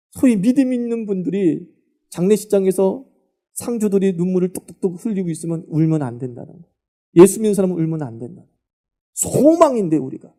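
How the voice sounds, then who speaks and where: A middle-aged man preaching a sermon as pastor, talking with the congregation through questions he answers himself, moving between loud emphatic lines and near-murmured asides. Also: sits high.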